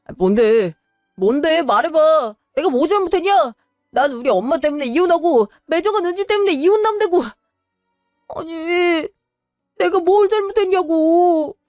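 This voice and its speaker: A resentful divorced son, quick to shout and full of grievance, acted by a woman. The voice sits a little high and sounds close and dry. Soft music plays underneath. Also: lively intonation, no echo, natural voice. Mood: bitter. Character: bitter divorced adult son, hot-tempered. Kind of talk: Korean web drama voice acting.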